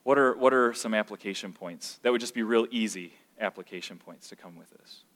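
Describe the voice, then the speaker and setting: A man teaching scripture to a group, asking the room questions and getting louder and higher when he makes a point. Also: fairly quick. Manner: animated, asks the room questions, rises in pitch when emphatic. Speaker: pastor teaching a class. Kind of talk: interactive Bible teaching. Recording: long hall reverb.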